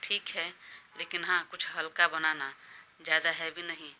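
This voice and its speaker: A woman's voice: sits low, level tone, moderate pace, pushed and bright. A woman voicing a caring, indulgent young male boss in an audio drama. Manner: indulgent, obliging.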